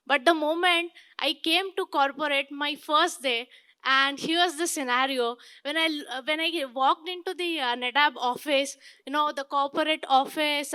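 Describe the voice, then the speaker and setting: High, bright-voiced young Indian-accented woman. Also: no room sound. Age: 20s. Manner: halting, with repeated words and self-corrections. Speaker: conference speaker, tech marketing engineer. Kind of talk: informal lightning talk.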